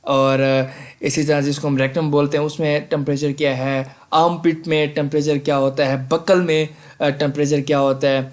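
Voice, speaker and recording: A man's voice: on the high side, level tone, darkish tone. Chatty man explaining exams. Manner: casual, repeats "theek hai" and "bhai", mixes English terms. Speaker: medical admissions advisor on a video channel. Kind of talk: explaining exam formats to students.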